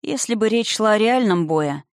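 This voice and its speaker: A man's voice: high voice, a little fast, no echo, studio quality, lightly acted. A reader voicing a young male silver dragon, irritable and gloomy, who talks in a sarcastic, snapping way in an audiobook. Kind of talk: audiobook character reading.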